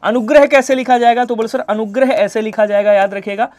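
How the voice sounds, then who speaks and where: A man teaching an online Hindi exam-prep class, who answers his own questions in the voice of his students and lets the ends of his sentences fall quiet. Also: extremely high pitch, steady tone, fairly quick. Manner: repeats answers in imagined student replies, drops to quiet trailing endings.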